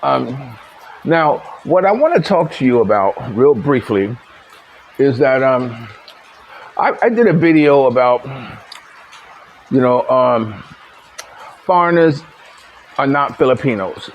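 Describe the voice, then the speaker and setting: A man's voice: mid-range voice, animated, takes it slowly, long pauses, muffled recording, slight background noise. A man vlogging in a casual, rambling storytelling monologue, full of fillers and restarts and chuckling at his own stories. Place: living in the Philippines.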